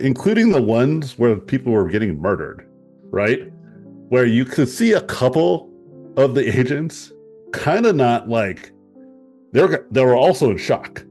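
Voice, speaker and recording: A man's voice: lowish voice, a little mellow. A man in a casual group discussion, talking in a rambling, reflective way and swearing now and then.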